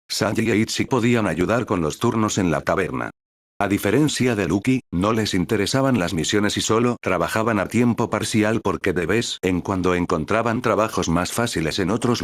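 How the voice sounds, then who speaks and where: Man, novel narration, very low voice, dry close sound, even synthetic read. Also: no room sound. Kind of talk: scripted audiobook narration.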